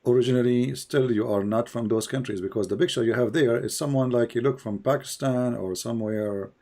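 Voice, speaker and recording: A man's voice: mid-range voice, brisk, dark tone. A man hosting a live call-in debate show, who presses the caller and repeats his questions.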